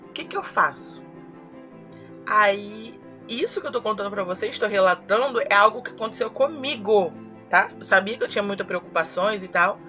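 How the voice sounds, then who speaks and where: A woman's voice: on the high side, pushed and bright. A young woman from Brazil, a YouTuber telling a personal story in a confessional vlog, earnest and acting out her own quoted words.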